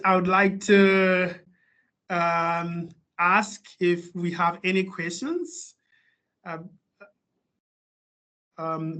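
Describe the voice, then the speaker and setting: A man's voice: on the high side, fairly bright tone. Hesitant man from Malawi on a webinar. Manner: hesitant, many fillers and restarts. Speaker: guest speaker. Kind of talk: webinar presentation. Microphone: video call.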